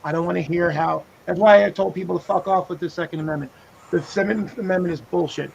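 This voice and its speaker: A man's voice: high-pitched, fairly even intonation, fast talker, gravelly, darkish tone, muffled recording, slight background noise. A man on a podcast panel delivering an angry, profane rant with lots of repetition, in casual talk. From United States. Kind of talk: casual chat.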